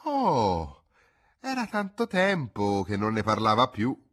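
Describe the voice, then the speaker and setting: A man voicing an old farmhand who pleads slowly and stubbornly in a storybook reading, with a husky voice. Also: lowish voice, huge pitch swings, fairly bright tone, heavily acted. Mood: eager.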